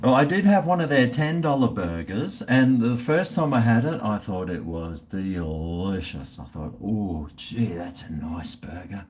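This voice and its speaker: A man's voice: medium pitch, sing-song, normal speed, hardly any pauses, darkish tone. A man with an Australian accent chatting casually on a livestream, rambling and swearing in a blokey way. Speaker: live streamer chatting with viewers.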